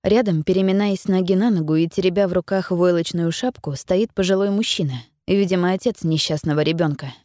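A woman narrates an audiobook in a measured, even storytelling manner. Her voice is fairly low, and the recording sounds dry and close, like a studio booth. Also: no echo. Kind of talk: scripted narration.

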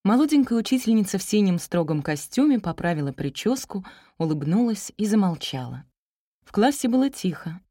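A woman narrating a children's school story as an audiobook, in a measured, expressive reading voice. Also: medium pitch, dry recording, studio quality.

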